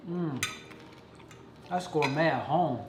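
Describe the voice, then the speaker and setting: A man's voice: on the high side, expressive, takes it slowly, background noise. Man chatting over food, echoey room. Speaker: vlogger's partner. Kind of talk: casual chat while eating. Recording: echoey room, music, clinking dishes. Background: music and cutlery on dishes.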